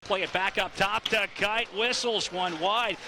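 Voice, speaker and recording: A man's voice: high voice, unhurried. A man calling hockey play-by-play. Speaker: play-by-play announcer. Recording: loud noisy broadcast feed.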